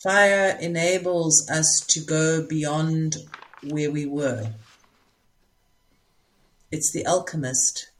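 A woman with a South African accent, speaking reflectively as a spiritual teacher in casual conversation, often pausing to find her words. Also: deep voice, fairly even intonation, a little hiss or hum.

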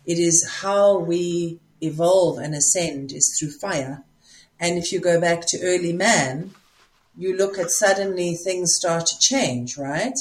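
A fairly low-pitched woman with a South African accent chats in a reflective way as a spiritual teacher, her speech broken by frequent pauses as she looks for words.

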